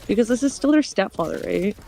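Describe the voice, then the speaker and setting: A woman's voice: medium pitch, animated, quick pace, vocal fry, warm tone. A woman streamer telling a long story in casual chat. She acts out the other people's lines and swears often.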